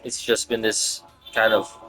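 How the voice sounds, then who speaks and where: A young man in his twenties with a lowish voice, musing aloud in a loose, unscripted monologue. He rambles and stops to restart his thoughts, padding them with plenty of fillers. Music plays clearly behind him. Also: level tone, measured pace, a bit bright, low-quality recording. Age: 20s. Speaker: gaming video creator. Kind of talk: casual reflective monologue.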